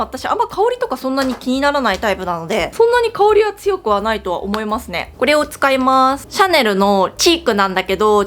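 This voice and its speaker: A woman from Japan chatting casually as a beauty vlogger while she does her makeup, telling stories in an animated way. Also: on the high side.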